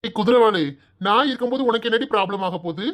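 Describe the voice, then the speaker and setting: A woman's voice: a little high, a little hiss or hum, lightly acted. Woman voicing a coaxing young village man. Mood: teasing. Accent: Kanyakumari Tamil. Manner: teasing and coaxing, soft and drawn-out. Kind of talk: cartoon voice acting.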